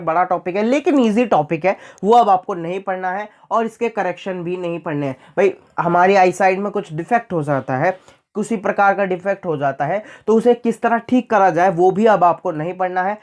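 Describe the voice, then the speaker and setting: A man's voice: sits high, moderate pace. A young man in a casual explainer talking to students about their course, chatty and repeating the key points. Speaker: teacher explaining syllabus changes.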